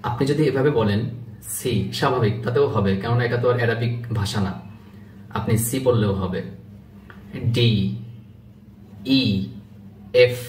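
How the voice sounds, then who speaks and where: A man gives a patient pronunciation lesson, repeating each letter slowly and explaining how to place the tongue and lips. His voice sits at a middle pitch and is picked up from a distance. The room is echoey, with a faint hum of ambience behind him. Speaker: English pronunciation teacher. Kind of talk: instructional video lesson.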